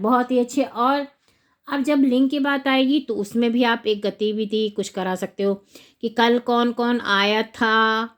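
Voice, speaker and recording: A woman teacher walking through a school textbook lesson, breaking words into separate syllables as she explains. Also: fairly high pitch. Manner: slow, spelling words out syllable by syllable.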